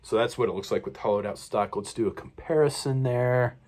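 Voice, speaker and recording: A man's voice: medium pitch, fairly quick, a little mellow. A man casually reviewing action figures while he unboxes them, rambling along with many fillers and self-corrections. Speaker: toy reviewer.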